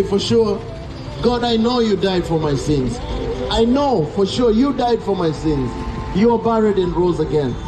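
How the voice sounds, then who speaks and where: Middle-aged Kenyan man, open-air preacher, high-pitched and fervent, roomy street sound with music behind. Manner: fervent, repeats phrases for emphasis, pleading. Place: outdoors on a city street at dusk. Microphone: handheld microphone through a small speaker. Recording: echoey outdoor sound with music and traffic behind.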